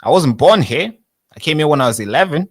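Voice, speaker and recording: A Tanzanian-born man in his twenties, interviewed amid a heated street debate, argues insistently and interrupts with repeated "wait, wait" to keep the floor. His voice is a little high, expressive and brisk, with no echo.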